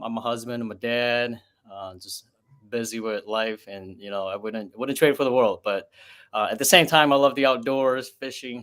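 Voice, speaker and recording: A man from Wisconsin talks in an easygoing, casual way as a guest on a livestream. He is a husband and father. His voice sits at an ordinary pitch. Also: a bit bright. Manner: easygoing, laughs often, says dude. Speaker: guest content creator.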